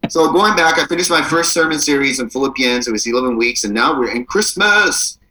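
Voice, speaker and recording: A man's voice: medium pitch, animated, a little fast, background noise. A man co-hosting a casual podcast over the internet, playful and jokey, breaking into goofy outbursts. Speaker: podcast co-host, pastor. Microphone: remote recording over the internet.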